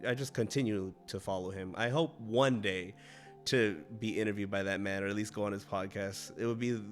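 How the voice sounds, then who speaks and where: A young man with a lowish voice talks easily, laughing often and dropping casual swears. He speaks from home, with soft music faint in the background. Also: steady tone, a little fast. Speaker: guest. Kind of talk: casual chat on a livestream.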